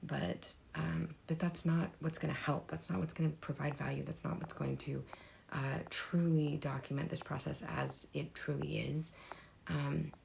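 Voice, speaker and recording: A woman with a low, heavily gravelly, hoarse voice speaks off the cuff in a home vlog. She rambles with many fillers and restarts. A faint hiss sits under the recording. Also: flat delivery, normal speed, a little mellow. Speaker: artist vlogger. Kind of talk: unscripted personal vlog. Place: home room with desks and easel.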